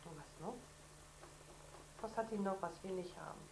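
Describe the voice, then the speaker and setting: A woman's voice: mid-range voice, moderate pace. A woman reading a children's storybook aloud at home and patiently asking questions between passages. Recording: echoey room with faint noise.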